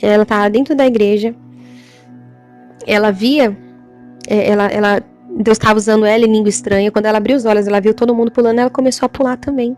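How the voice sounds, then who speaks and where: A woman's voice: medium pitch, fairly even intonation, fast, darkish tone, faint music behind. A woman giving a church testimony, often asking the congregation for an amen and restarting her sentences. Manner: repeats a questioning "amém?"; hesitant restarts. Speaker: testimony preacher.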